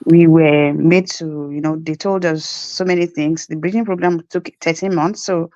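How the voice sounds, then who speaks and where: A woman with a Nigerian accent tells her story in a lively, conversational way and acts out the voices in each exchange she recalls. Her voice sits at a middle pitch. The recording is dull and dry, with no room sound. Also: normal speed, no echo. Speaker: guest nurse. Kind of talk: conversational interview.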